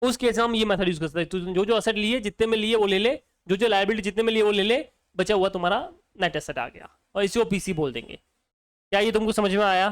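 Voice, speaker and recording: A man's voice: sits high, fast, clear, resonant tone, no room sound. A male accounting teacher, lecturing casually and quizzing students with repeated questions. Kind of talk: exam-prep lecture.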